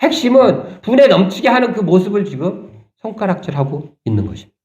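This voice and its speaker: A man preaching a sermon as pastor, talking conversationally and asking the congregation rhetorical questions, turning animated and indignant at points. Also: high voice, fairly quick, echoey room. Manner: animated, rising sharply when voicing indignation. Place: church sanctuary.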